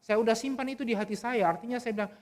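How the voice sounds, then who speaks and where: A man's voice: very high-pitched, racing, a little mellow. A middle-aged man preaching a sermon, telling a personal story in an earnest, conversational way with frequent restarts. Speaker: pastor. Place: church service.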